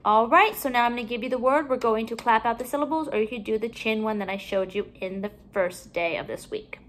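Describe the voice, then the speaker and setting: A woman teaching a phonics lesson to young children from home, saying each word slowly and with careful, stretched-out enunciation. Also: a little high, fairly bright tone.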